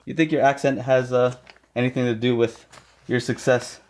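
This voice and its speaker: A man's voice: mid-range voice, flat delivery, moderate pace, darkish tone, slight background noise. A man hosting an interview, asking casual questions in an enthusiastic, chatty way. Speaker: interview host.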